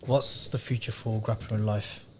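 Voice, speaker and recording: A man's voice: fairly low pitch, little pitch movement, measured pace, slight background noise. A man in casual podcast banter, slangy and emphatic, repeating his phrases.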